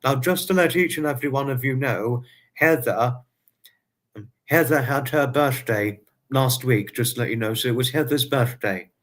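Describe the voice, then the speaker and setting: A man's voice: mid-range voice, normal speed, fairly bright tone. A man in his twenties casually chatting to viewers on a livestream, often repeating himself and using quaintly formal phrases. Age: 20s. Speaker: livestream host.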